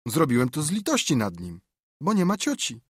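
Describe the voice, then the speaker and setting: A man's voice: a little high, wildly swooping pitch, normal speed, breathy edge, no echo, studio quality, voice pushed up, full character voice. A man voicing a mischievous, sly young boy who plays innocent in an audiobook. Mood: cheeky. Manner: cheeky, pleading innocence.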